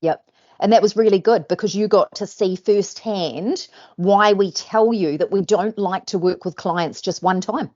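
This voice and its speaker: A woman's voice: mid-range voice, unhurried, a little mellow, dull audio. A woman, a hypnosis trainer hosting, chatting in an upbeat, encouraging, coaching way. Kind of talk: casual interview chat.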